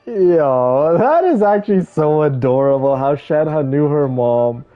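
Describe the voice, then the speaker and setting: Over game music, a man chats casually with his live stream viewers, reacting to the game with emphatic, repetitive phrasing. His voice is a little high, expressive, and unhurried, captured on a muffled lo-fi mic.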